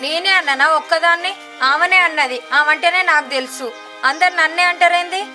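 An actress playing a nosy, suspicious village wife with a Telangana Telugu accent. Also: female voice, extremely high pitch, a little fast, sharp tone, reverberant, far from the mic, heavily acted. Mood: defensive. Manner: nosy, insistent, accusing. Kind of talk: village short film acting. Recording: music behind.

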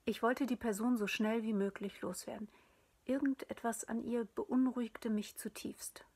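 A woman narrates a story in a hushed, often whispered voice. Her tone is breathy and sits a little high. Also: steady tone, normal speed.

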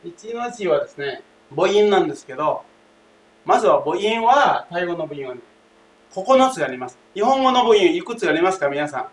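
A man's voice: high-pitched, sing-song, moderate pace. A man teaching a language lesson, speaking emphatically, repeating key phrases and often addressing the class directly. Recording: roomy, distant mic, faint hiss.

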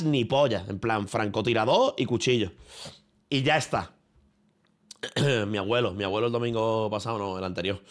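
A man from Spain with a Spanish accent, chatting casually and rambling on a livestream from his room, with plenty of swearing and slang. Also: medium pitch. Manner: rambling, profane, slangy, talking to viewers and a friend. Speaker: streamer.

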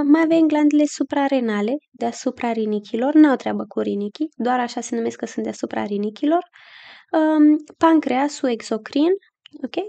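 A woman's voice: a little high, gravelly, warm tone, muffled recording. A young woman giving a casual exam review lesson, chatty and checking in often with her listeners.

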